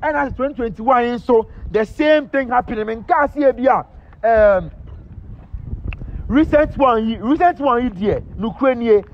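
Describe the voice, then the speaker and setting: High, gravelly Ghanaian man gossiping. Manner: animated, rambling, playful. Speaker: entertainment news host. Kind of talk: casual gossip commentary mixing English and Twi. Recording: dull lo-fi recording.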